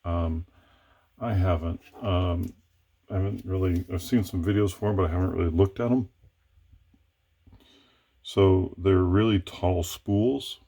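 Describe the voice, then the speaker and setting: A man's voice: sits low, fairly even intonation, measured pace, pauses often, mellow. A man thinking aloud as he works through a lock-picking task, hesitant and correcting himself as he goes. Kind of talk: thinking aloud while working.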